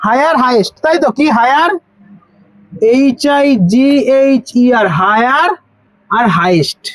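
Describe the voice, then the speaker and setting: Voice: sits high, animated, measured pace, a bit bright, no echo, rough recording. A tutor with a Bengali accent teaching grammar to school students, asking questions, repeating the answers and spelling words out letter by letter.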